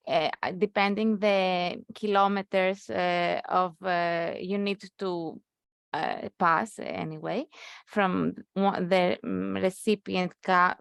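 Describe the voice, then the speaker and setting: A woman adding a comment in an online webinar, slowly searching for her words. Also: mid-range voice, gravelly, clean tone, no echo. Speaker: webinar participant. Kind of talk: adding comments on a video call.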